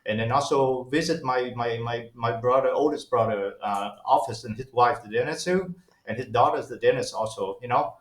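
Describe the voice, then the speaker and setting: A man in his forties from Vietnam speaks English as a second language, with a middle pitch. He talks in a loose, halting way, full of fillers and restarts. The sound is roomy and echoey. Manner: hesitant, many fillers and restarts. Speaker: guest dentist. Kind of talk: casual interview talk.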